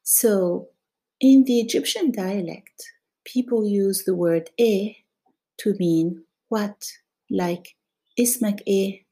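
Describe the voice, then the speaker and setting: A woman giving an explanatory language lesson as a teacher, speaking deliberately in short phrases with pauses. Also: mid-range voice, mellow.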